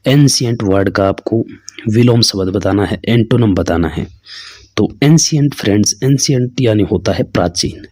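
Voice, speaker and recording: A man's voice: on the low side, moderate pace, a little mellow, slightly rough, no room sound, clean studio sound. A man teaching an exam-prep English lesson, who asks questions and answers them himself. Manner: calls listeners "friends", asks and answers his own questions.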